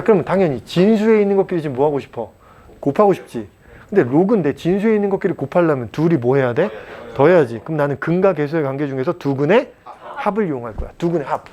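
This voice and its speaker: A man teaching a math class at a cram school, blunt and chatty, joking and mock-scolding his students and checking in with quick questions. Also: fairly high pitch, a little mellow, muffled recording, a little hiss or hum. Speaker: math tutor.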